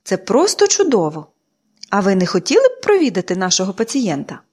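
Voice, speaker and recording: A woman's voice: medium pitch, huge pitch swings, a little fast, husky. A woman reading an audiobook, voicing a friendly, hearty male doctor. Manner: warm, hearty. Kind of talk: audiobook character voice.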